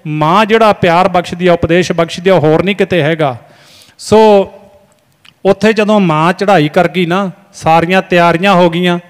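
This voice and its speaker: A man's voice: sits high, steady tone, normal speed, smooth. A man preaching an earnest devotional sermon and singing a refrain. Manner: earnest, exhortative. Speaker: Sikh preacher. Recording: long hall reverb, faint music.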